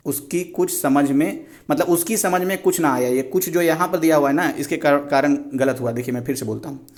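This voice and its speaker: A man teaching an exam revision lesson and going through answers one by one. He talks patiently and slows down to read quoted sentences aloud. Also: on the high side. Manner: explains slowly and patiently, reads out quoted sentences. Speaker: Hindi exam tutor.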